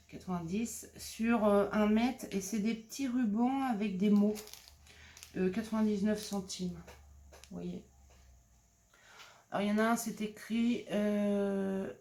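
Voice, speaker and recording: With a dark, mid-range voice, a middle-aged woman from France chats through her craft-supply haul in casual show-and-tell style. Handling each piece, she stumbles over fillers like "euh" and repeats words, while packaging crinkles and clicks sound clearly.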